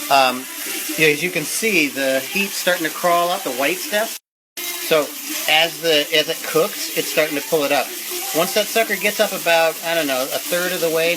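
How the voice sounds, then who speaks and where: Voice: medium pitch, moderate pace, background noise. A home cook giving a casual, chatty and mildly profane cooking demonstration. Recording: music and sizzling pan behind. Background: music, frying food sizzle.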